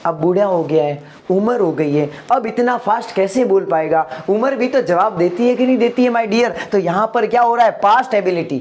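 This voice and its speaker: Man teaching an English lesson. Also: high voice. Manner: rhetorical questions, calls listeners "my dear", checks "are you getting?"; slows to spell out English example sentences. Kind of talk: spoken English lesson explained in Hindi.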